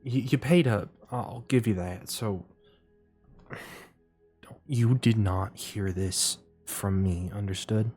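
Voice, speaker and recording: A man voicing a flirty, nervous wood elf courtesan woman who talks in a hushed, secretive way. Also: very deep voice, unhurried, hardly any pauses, breathy edge, faint music behind, exaggerated voice. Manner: hushed, secretive, sometimes snappish.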